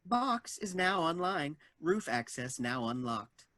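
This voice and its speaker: A woman voicing a building's robotic security system in clipped, monotone announcements. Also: low-pitched, slow, dry recording, full character voice.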